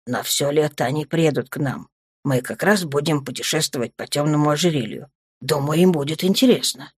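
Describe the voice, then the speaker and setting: A woman voicing a dark alien lord, a grown man who is tender and teasing, speaking low and soft. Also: fairly quick, slightly rough, no echo, clean studio sound. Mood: calm reassuring.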